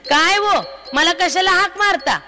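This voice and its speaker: A woman doing a brisk village wife. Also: extremely high pitch, animated, big-room sound, music in the background, voice pushed up. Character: busy village wife, agreeable, practical.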